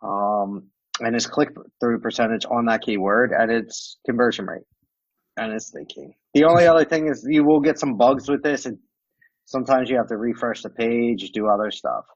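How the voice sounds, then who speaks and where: Here a man of medium pitch speaks at normal speed in a muffled recording with no room sound. His accent is American mixed with Romanian. He's a guest expert on a podcast demonstrating software, chatting casually about what he sees on screen and using many fillers such as "um" and "like."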